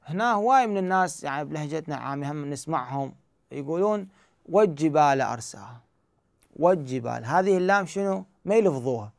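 A man's voice: fairly high pitch, animated, fast, vocal fry, no echo, clean studio sound. A man with an Iraqi Arabic accent, teaching Quran recitation rules step by step and answering his own questions. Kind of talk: explanatory lesson.

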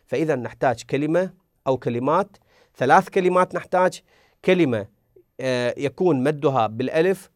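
A man's voice: fairly high pitch, no room sound. Male tajweed teacher, dry close sound. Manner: repeats key words slowly, asks and answers his own questions. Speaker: Quran recitation teacher. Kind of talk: tajweed lesson explaining the rules.

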